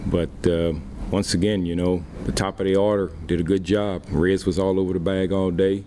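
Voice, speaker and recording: Into a desk mic, a middle-aged man who manages a baseball team fields reporters' questions after the game. His low, mellow voice barely shifts in pitch, and his plain, unhurried answers are full of fillers. There is slight background noise.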